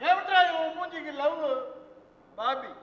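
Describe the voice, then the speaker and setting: A man's voice: very high-pitched, unhurried, bright, forceful tone, far from the mic, full character voice. An actor playing a grumpy father who mocks and scoffs at his son's romance, in an old stage play recording. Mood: mocking. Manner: scornful, sarcastic. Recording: roomy hall, dull lo-fi old stage recording.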